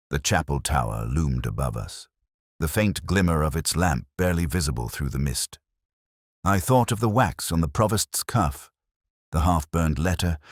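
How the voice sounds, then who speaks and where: Speaking as a fatigued police inspector in an audio mystery drama, a man with a very deep voice recounts his case through scripted first-person narration. The phrasing is literary and measured, the mood brooding and reflective, and his pitch moves a lot in a full character performance. There's no echo; the sound is dry and close-miked.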